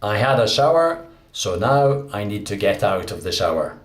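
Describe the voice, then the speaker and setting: Male English teacher, slow and deliberate, somewhat low voice, roomy recording. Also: sing-song, noisy background. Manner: clear, deliberate teaching delivery. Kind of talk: slow, simple narration of daily actions.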